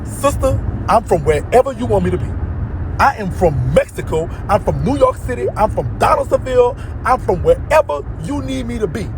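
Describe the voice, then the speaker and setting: A man from Louisiana in a heated live-stream rant, angry and swearing, his voice climbing into shouts. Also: extremely high pitch, sing-song, moderate pace. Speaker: host of an online live stream. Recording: loud street and car noise.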